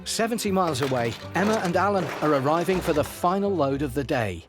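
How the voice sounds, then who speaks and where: A man giving wry, measured scripted documentary narration. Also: fairly high pitch, lively intonation. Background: music.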